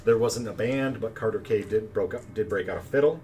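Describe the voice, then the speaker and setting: A relaxed game master narrating. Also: male voice, fairly low pitch, fairly quick. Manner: relaxed, chatty narration with fillers. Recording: distant mic, faint background noise.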